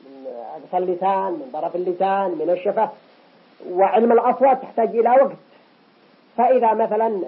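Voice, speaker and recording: Husky high-voiced male teacher, lo-fi. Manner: slow and deliberate, repeating each example several times. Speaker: Quran recitation teacher. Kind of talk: explaining tajweed rules with recited examples. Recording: lo-fi muffled recording.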